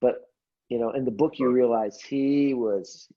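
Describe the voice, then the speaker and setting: A man's voice: mid-range voice, a little slow, warm tone, muffled recording. A man guest on a casual podcast, telling a story eagerly, often restarting his sentences. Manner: enthusiastic storyteller, many restarts. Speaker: cardiologist guest.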